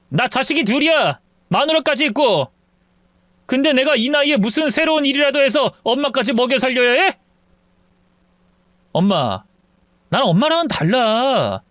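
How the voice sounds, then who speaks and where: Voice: high-pitched, big pitch swings, moderate pace, pauses often, a bit bright, no echo. A narrator doing a cold, irritable middle-aged husband. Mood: irritated.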